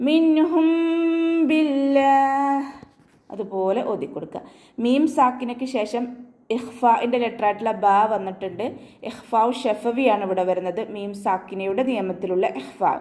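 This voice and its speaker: A woman teaching an online recitation class, explaining each rule step by step and adding gentle reminders to take care. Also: medium pitch, moderate pace.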